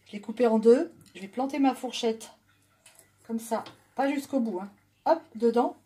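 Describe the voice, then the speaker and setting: Woman, higher voice, chatty joking cooking host, pans clinking in a home kitchen. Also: moderate pace, dark tone. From southwest France. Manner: chatty, joking, talks while stirring.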